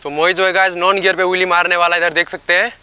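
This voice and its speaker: A man's voice: high voice, little pitch movement, racing, bright, forceful tone, slight background noise. A young man riding a bicycle on a rural road, chatting casually to his viewers on an action camera. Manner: chatty, keeps addressing viewers as guys. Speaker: cycling vlogger. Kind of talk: casual vlog commentary while riding. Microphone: helmet or handlebar action camera.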